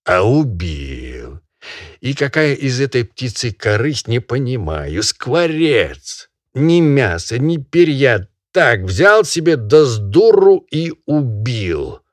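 A man voicing a pompous country gentleman who lectures a peasant in a drawn-out, sanctimonious way. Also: mid-range voice, sing-song, dry recording, studio quality, pitched above the performer's own voice. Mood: indignant scolding.

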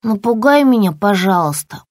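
A woman voicing a timid, eager little girl lizard in a storybook, speaking in a high squeaky voice. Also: expressive, moderate pace, dry recording, studio quality, soft background music, close to an everyday voice. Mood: pleading.

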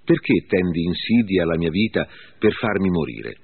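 Wary woman medium, read by a man, deep husky voice, phone-like sound. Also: expressive, normal speed, heavily acted. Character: frightened woman medium of Endor. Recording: phone-like lo-fi with faint music.

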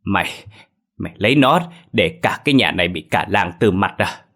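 A man voicing a furious, proud old village patriarch who curses and shouts at his daughter. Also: low voice, lively intonation, normal speed. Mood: raging. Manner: shouting, cursing, raging.

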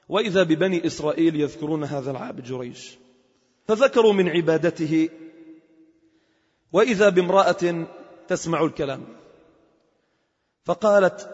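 A man's voice: a little high, breathy edge. A man giving a Friday sermon in a mosque, telling a story dramatically and drawing out phrases for emphasis. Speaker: preacher. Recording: dull lo-fi recording with long mosque reverb.

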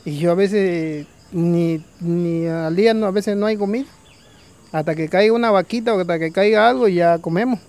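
Man doing a sorrowful male vulture, folk tale, patient, high gravelly voice. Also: brisk, darkish tone.

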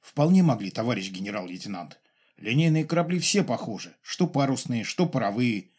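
A man reading a calm, measured major. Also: medium pitch, breathy edge. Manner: measured, explanatory. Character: calm male major, intelligence officer.

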